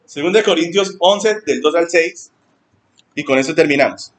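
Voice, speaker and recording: A male pastor, preaching a sermon in an animated way and acting out church members in high mocking voices. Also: moderate pace.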